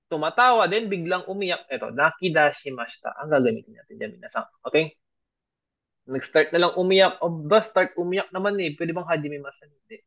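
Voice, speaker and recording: A man teaching an online grammar lesson. He explains patiently, keeps checking that his students understand, and mixes English and example sentences into his talk. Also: fairly high pitch. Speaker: Japanese language teacher. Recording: dull lo-fi audio.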